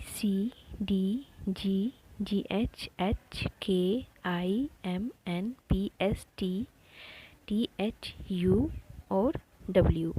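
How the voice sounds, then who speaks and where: A woman explains a lesson at a slow, patient pace, repeating each word and pausing often with fillers. Her voice has a gravelly, creaky edge. The recording was made at home and has loud noise underneath. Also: medium pitch, poor audio. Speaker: teacher running an education channel. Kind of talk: slow spoken lesson on spelling.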